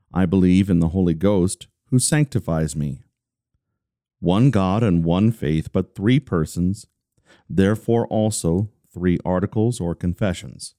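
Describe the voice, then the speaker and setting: A man giving a measured, deliberate reading of a religious catechism. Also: low voice, no room sound, studio quality. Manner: deliberate, steady, slowing on listed phrases. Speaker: reader of a devotional text.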